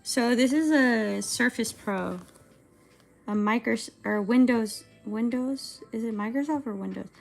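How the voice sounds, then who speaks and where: A young woman in her mid-twenties talks to her livestream chat while working on an animation. Her voice sits a little high with a gravelly, fry-laden texture. She meanders and hesitates, circling her thoughts with constant fillers, and soft music plays underneath. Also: measured pace. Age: 20s. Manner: rambling, hesitant, filler-heavy. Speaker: streamer and animator.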